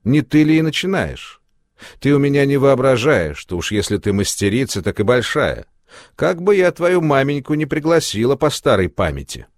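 A man's voice: fairly low pitch, big pitch swings, measured pace, few pauses, darkish tone, slightly rough, dry recording, studio quality, heavily acted. A man doing a stern heavyset workshop mistress. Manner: strict, imposing. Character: stern heavy middle-aged woman workshop owner.

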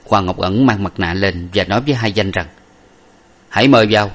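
Guy reading a story out loud, lowish voice, steady pace. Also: fairly quick. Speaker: narrator. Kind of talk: reading a novel aloud.

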